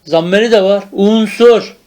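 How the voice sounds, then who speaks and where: A man teaches grammar in the old madrasa manner, with a high voice. He speaks slowly and draws out each term. He keeps asking whether the point is understood. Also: darkish tone. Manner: drills terms slowly, asks checking questions. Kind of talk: traditional madrasa-style grammar lesson.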